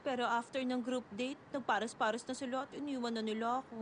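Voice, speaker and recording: A woman's voice: fairly high pitch, steady tone, brisk, slight background noise, natural voice. A woman dubbing a lonely young woman who sadly wonders why her friends left her out. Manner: plaintive, self-doubting. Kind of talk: Tagalog dub of a drama.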